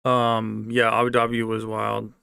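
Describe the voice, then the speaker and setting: This American man, who grew up moving around with a military family, speaks low and unhurried with a completely flat, creaky delivery. His tone is sharp, clear, and resonant as he casually answers viewers' comments, rambling a little and repeating phrases. Studio quality, no echo.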